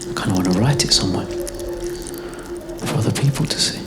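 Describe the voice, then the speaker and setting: Over loud music at a live club, a writer and performance artist delivers his own monologue quickly in a fairly low voice. His manner is musing and conversational, with repeated phrases, and the background noise is heavy.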